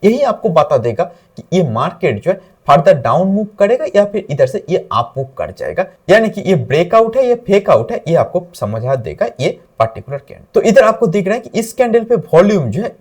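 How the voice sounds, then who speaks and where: A man's voice: high-pitched, big pitch swings, brisk, few pauses, a little mellow, slightly rough. A man teaching trading, walking through chart examples and mixing English terms into Hindi speech. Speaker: trading instructor.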